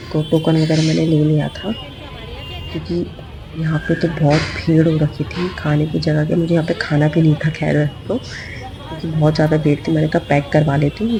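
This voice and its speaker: Her voice sitting low and hoarse, a woman vlogger narrates a shopping trip in a casual voice-over, saying some phrases again to stress them.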